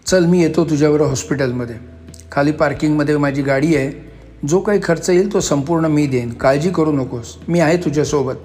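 A man's voice: a little high, a little fast, darkish tone, close to an everyday voice. A man doing a flustered office manager. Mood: gentle. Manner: agitated, insistent. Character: flustered middle-aged male manager, blunt.

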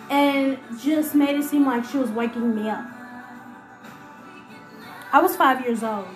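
A woman telling a painful personal story in a halting, emotional way, often repeating herself. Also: sits high. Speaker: podcast host. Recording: roomy echo with faint music.

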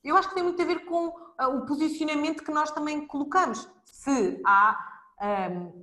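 A woman's voice: high voice, moderate pace, bright, forceful tone. A woman with a European Portuguese accent talking in a casual podcast debate. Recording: echoey room.

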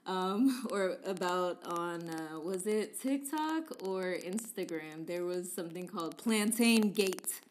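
A woman co-hosts a relaxed conversation, chatty and quick to laugh, pressing on words for playful emphasis. She speaks at an unhurried pace in a somewhat low register. A faint hiss sits under the recording. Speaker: podcast co-host. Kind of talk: casual chat.

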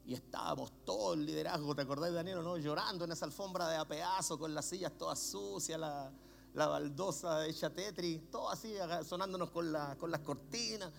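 A middle-aged man with a Chilean Spanish accent, preaching a sermon as a pastor, swinging from low murmurs to shouts. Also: fairly quick, vocal fry, soft background music.

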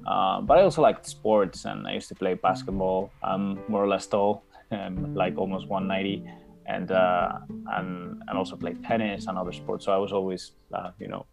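A man in his thirties with a Spanish accent, talking as a podcast guest in a low, gravelly voice. He chats casually and restarts his sentences often, with music playing behind him. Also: steady tone, normal speed. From Spain. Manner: talkative, many restarts and fillers. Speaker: podcast guest, tech company co-founder. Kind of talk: casual interview talk.

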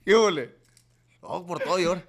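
A man's voice: high-pitched, normal speed. A young man, telling crude, slangy stories as a podcast host in casual chat. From Mexico. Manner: slangy, crude, joking storyteller.

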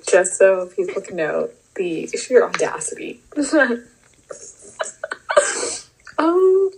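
A young woman chatting casually as a vlog host, animated and giggly with lots of fillers. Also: mid-range voice, very slow, background noise. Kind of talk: casual chat.

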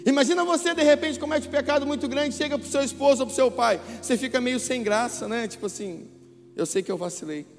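A man's voice: very high-pitched, quick pace, few pauses. A man pastor preaching a sermon, passionately retelling conversations and acting out the voices in them. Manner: impassioned, storytelling, acting out dialogue. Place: church hall. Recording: church hall reverb with soft instrumental music.

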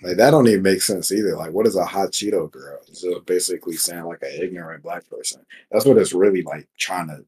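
A man's voice: low-pitched, a little fast, hardly any pauses, a little mellow, breathy edge. A man as a podcast guest, chatting casually in a laid-back way and often agreeing. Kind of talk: casual chat.

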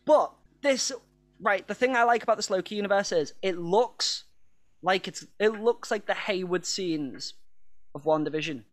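Chatty man with a higher voice. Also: moderate pace. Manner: chatty, rambling, swears casually, laughs often. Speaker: podcast co-host. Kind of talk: casual chat.

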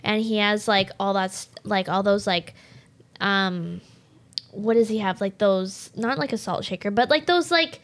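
A woman's voice: medium pitch, unhurried, fairly bright tone. A woman in her late twenties co-hosting a podcast, rambling casually with constant fillers and the odd swear word. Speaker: podcast co-host. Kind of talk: casual chat.

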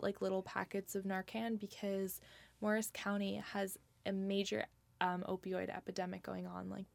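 Creaky-voiced young woman, chatty guest. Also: medium pitch, no echo. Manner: chatty, many fillers and "like". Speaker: guest, nonprofit organizer. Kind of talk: casual interview talk.

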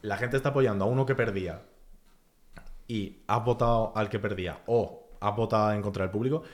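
Fast-talking deep-voiced man. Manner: animated, talks fast with lots of filler phrases. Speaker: guest, freestyle rapper. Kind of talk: casual podcast chat.

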